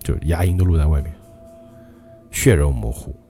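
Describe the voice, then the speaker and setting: A male podcast host telling a ghost story in a dramatic, lively way. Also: very deep voice, normal speed, faint music behind.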